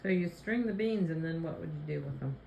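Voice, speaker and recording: A woman's voice: deep voice, animated, fairly quick, vocal fry, a little mellow, dull audio, slight background noise. A woman interviewing her father casually, prompting him with curious questions.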